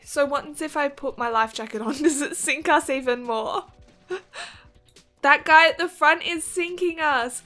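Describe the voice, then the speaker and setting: A young woman giving chatty, excitable game commentary, gasping and giggling as she reacts. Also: sits high. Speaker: gaming video host.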